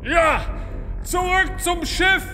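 A man voicing a commanding, alarmed starship captain who shouts his orders. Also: drawn-out words, big-room sound, faint music behind, exaggerated voice. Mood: urgent shouting. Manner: shouting high-pitched orders.

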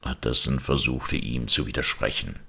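A man reading an audiobook as narrator, in measured storytelling. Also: a bass voice, steady tone, gravelly, pushed and bright, slightly rough. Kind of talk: scripted narration.

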